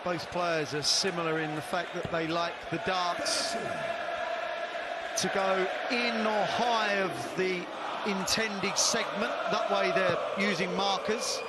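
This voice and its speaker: A man giving live darts commentary with conversational analysis of play. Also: high voice. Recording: loud crowd noise behind commentary. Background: noisy darts crowd.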